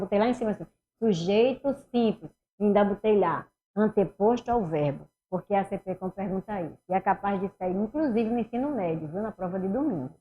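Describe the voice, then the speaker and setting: A middle-aged Portuguese teacher with a Northeastern Brazilian accent leads a lively online exam-prep class, guiding students through every step in a mid-range voice. The lo-fi recording sounds somewhat dull.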